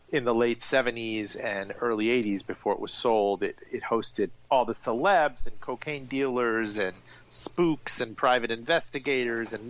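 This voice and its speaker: A man in his forties, an author and journalist born in Iran and raised in Miami, tells his story as an interview guest. He speaks fluently and with energy, sometimes restarting sentences, in a mid-range voice over poor audio.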